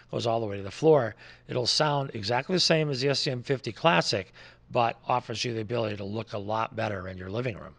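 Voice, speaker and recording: With a creaky, slightly bright mid-range voice, a man casually walks through his products. He's a loudspeaker distributor giving a conversational overview in a distributor's explanatory style.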